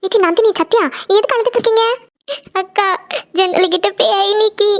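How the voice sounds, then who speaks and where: A woman voicing scared young girls and their scolding older sister in a cartoon, speaking fast and whiny. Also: very high-pitched, fairly even intonation, fairly bright tone. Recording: dull lo-fi sound.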